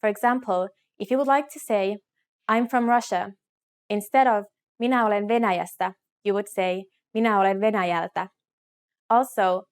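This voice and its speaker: A woman narrating a scripted language lesson in a clear, measured teaching delivery, slowing down to model phrases. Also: medium pitch.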